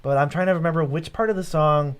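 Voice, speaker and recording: A man's voice: on the high side, steady tone, fast. A young man co-hosting a live card game stream, chatting casually, joking and laughing. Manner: joking, laughing, puts on a gravelly Batman voice. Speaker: co-host. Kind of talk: casual livestream chat.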